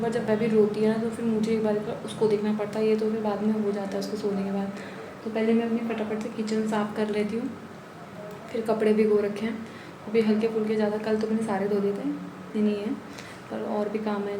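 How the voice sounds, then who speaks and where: A woman's voice: mid-range voice, reverberant. A woman in her twenties, a young mother, chatting to the camera in a casual home vlog, filmed on a handheld camera. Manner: chatty, talks straight to the camera. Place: home, kitchen and rooftop. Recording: noisy home recording.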